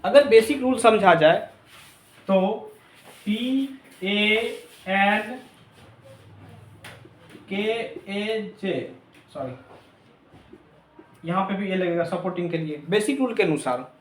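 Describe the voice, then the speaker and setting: A man's voice: high voice, slow, pauses often, reverberant, a little hiss or hum. A man teaching a lesson, spelling letters out one by one. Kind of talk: classroom lesson.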